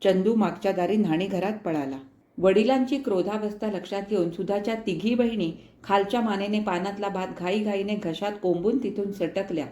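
A woman narrating a novel as an audiobook in an expressive, dramatic reading style. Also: mid-range voice, fairly quick. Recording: echoey room.

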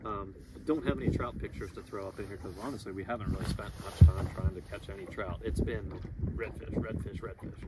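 Florida guide in his thirties, lowish voice, laid-back and chatty, loud wind noise over the boat recording. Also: fairly quick. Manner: relaxed, chatty, upbeat, many "um"s. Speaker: fishing guide. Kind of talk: casual monthly fishing report to camera. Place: outdoors on a small boat on a lagoon. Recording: loud wind and water noise on outdoor mic.

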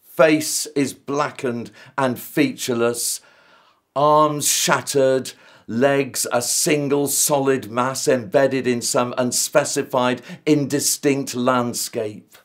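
A man in his fifties reading a solemn, measured devotional reflection to camera. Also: medium pitch, fairly even intonation. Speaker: Methodist minister.

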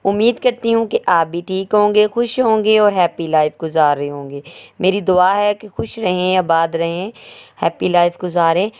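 A woman's voice: lowish voice, normal speed, a little mellow, smooth. A woman, hosting a home cooking tutorial as a voice-over, chatty and explaining each step. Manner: chatty, explains each step, often adds "theek hai". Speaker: cooking channel host.

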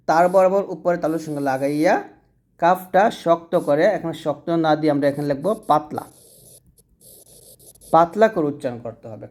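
A man with a dark, mellow tone gives a lesson on pronouncing letters. He explains patiently and repeats each point, drawing out the letter sounds as he demonstrates them. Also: a little high. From Bangladesh. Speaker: Quran reading teacher.

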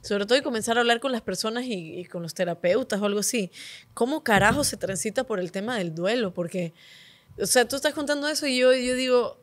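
A woman's voice: on the high side, brisk. A woman hosts an interview and speaks in a reflective way, with short sympathetic replies. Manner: reflective, sympathetic back-channeling. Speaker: interview host. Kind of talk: conversational interview.

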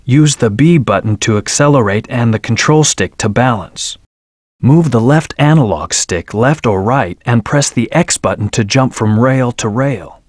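A man's voice: medium pitch, no room sound, studio quality, natural voice. Man voicing a serious, brooding hedgehog team leader. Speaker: video game character giving tutorial hints. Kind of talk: scripted video game instructions. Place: dry studio recording.

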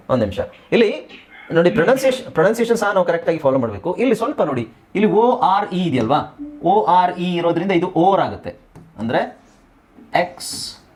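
A man with a Kannada accent teaching an English class online, drilling word lists slowly, then explaining briskly. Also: high-pitched, big pitch swings, a little mellow.

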